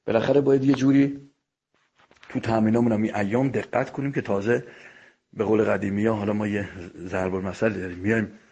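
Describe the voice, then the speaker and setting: A man's voice: lowish voice, fairly even intonation, darkish tone, husky. A man teaching a voice lesson in an audio file, explaining each step in a polite, formal way. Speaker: singing and voice coach.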